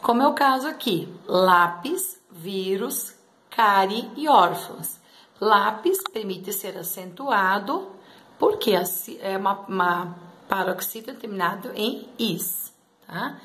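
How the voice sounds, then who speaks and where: A woman's voice: medium pitch, animated, takes it slowly, a bit bright. A woman teacher giving a grammar lesson, explaining step by step and often checking in with her students. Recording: echoey room.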